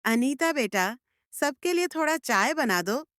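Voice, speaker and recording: A woman voicing a gentle cartoon mother-in-law. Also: high-pitched, lively intonation, unhurried, no room sound, studio quality. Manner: gentle, affectionate. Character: kind, puzzled middle-aged mother-in-law. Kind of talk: cartoon story voice acting.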